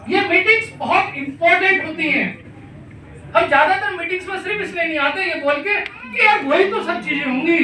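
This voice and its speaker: Emphatic middle-aged male mentor, high-pitched, recorded in a roomy space with faint background noise. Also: sharp tone. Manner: emphatic, repetitive, asks rhetorical questions. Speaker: business mentor addressing a team meeting. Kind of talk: motivational talk. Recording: echoey room, mic far off, faint noise.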